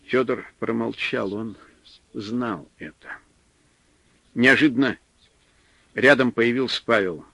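A man narrating an audiobook in a measured, even way. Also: medium pitch, creaky, no echo. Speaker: audiobook reader. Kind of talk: scripted narration.

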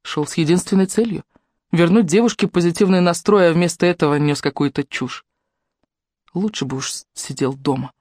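Steady audiobook narrator, dry close sound. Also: mid-range voice, no room sound. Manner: steady, measured reading.

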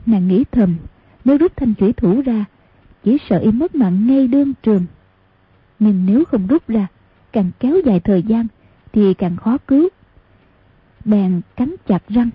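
Audiobook narrator: woman, very husky, tinny phone-like sound, measured reading. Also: mid-range voice, dry recording. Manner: even, measured reading, voicing each character. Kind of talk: scripted storybook narration.

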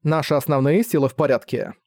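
A composed young woman aide, read by a male narrator, speaks in short, plain replies with a fairly high voice. The sound is dry and close. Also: fast, darkish tone, no echo. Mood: calm.

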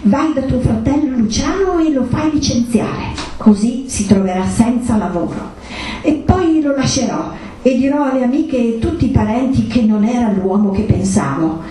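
A woman giving voice to a young wife, wounded but set on her plan. Her tone rises and pleads, mellow rather than sharp. It sounds distant, caught in a very echoey room. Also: a little high, expressive, moderate pace, pitched above the performer's own voice, close to an everyday voice. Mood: resolute. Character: young betrayed wife, hurt and determined.

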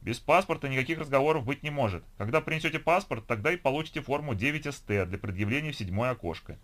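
A man voicing a weary, stern female clerk of about fifty with a husky low voice. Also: animated, fast, a bit bright, lightly acted. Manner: stern, bureaucratic.

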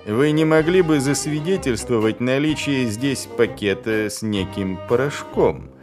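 A man voicing a smug male head of assassins who speaks in a slow, drawn-out, haughty way. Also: mid-range voice, over music, natural voice.

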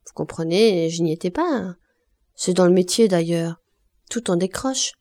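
A woman voicing a sly neighborhood gossip who savors every scandal. She tells her stories with relish in a soft, mellow tone, close to the reader's own voice. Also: lowish voice, animated, measured pace. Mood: gossipy.

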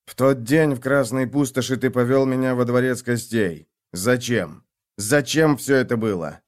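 A man's voice: mid-range voice, moderate pace, lightly acted. A man voicing a stern young warlord who asks blunt questions. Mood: demanding.

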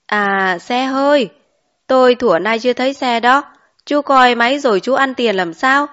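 A woman's voice: a little high, moderate pace, fairly bright tone, natural voice. A woman voicing a talkative rural mother of five in an audiobook, with a chatty, exclaiming manner. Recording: dull lo-fi recording.

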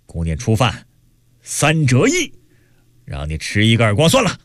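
A male narrator voicing a rough, bullying male jailer who barks coarse threats in a radio story. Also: medium pitch, wildly swooping pitch, normal speed, no echo, clean studio sound. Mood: gruff threatening. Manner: coarse, blustering shouts.

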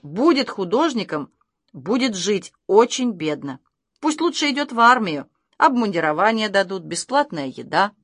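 An exasperated, blustering father, fussy and bewildered, as a woman reads him in a storybook. His voice jumps around, lively and dry. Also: mid-range voice, moderate pace, no echo. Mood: grumbling.

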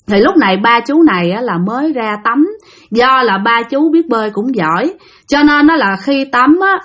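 A woman with a Southern Vietnamese accent narrates a ghost story to her listeners. Her voice sits a little high, and she talks in a loose, chatty way, often trailing her phrases with a drawn-out syllable.

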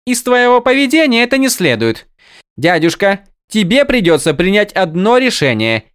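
A high, haughty young king. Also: big pitch swings, moderate pace, a bit bright, smooth, no room sound, studio quality. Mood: indignant. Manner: haughty, clipped commands. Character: petulant young male king, imperious and touchy. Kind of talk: audiobook character voice.

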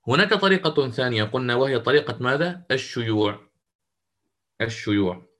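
A man's voice: medium pitch, fairly bright tone. Arabic recitation teacher, methodical man. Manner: explains step by step, asks questions and answers them himself; models pronunciations slowly and repeats them. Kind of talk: recorded lesson on recitation rules.

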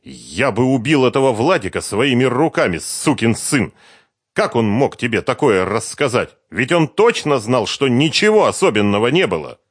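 A man voicing an agitated young man who gives a halting, defensive confession. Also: mid-range voice, very animated, husky, dry recording, studio quality. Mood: angry.

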